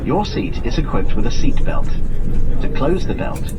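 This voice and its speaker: A man's voice: mid-range voice, sing-song, a little slow. A man reading a formal, scripted flight attendant safety announcement over cabin speakers in an aircraft. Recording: dull, distant cabin speakers, loud aircraft noise. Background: loud aircraft cabin noise.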